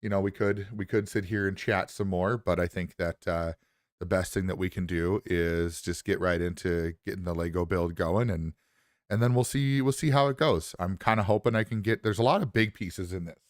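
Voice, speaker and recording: A man's voice: sits low, normal speed, dry recording, studio quality. A man streaming casually in a groggy morning voice, rambling upbeat into a lapel mic. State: low morning voice. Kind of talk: casual livestream chat.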